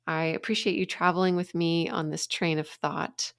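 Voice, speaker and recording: A woman in her young adult years talks through her ideas alone on a podcast, earnest and reflective in the way a coach explains things. Her voice sits on the low side. The sound is dry and close, with no room echo. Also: steady tone, moderate pace, gravelly. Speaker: podcast host and life coach. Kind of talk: solo podcast monologue.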